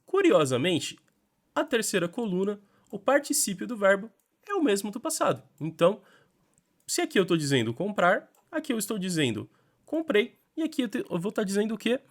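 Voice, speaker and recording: A man with a Brazilian Portuguese accent giving an animated online grammar lesson as an English teacher, drilling sentences slowly between quick explanations. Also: high voice.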